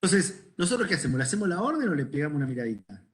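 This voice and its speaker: Man, Rioplatense accent, doctor teaching a class, conversational, asks questions, slightly high voice. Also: very animated, rapid-fire. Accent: Rioplatense Spanish. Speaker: ENT doctor teaching medical students. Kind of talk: lecture with questions to students.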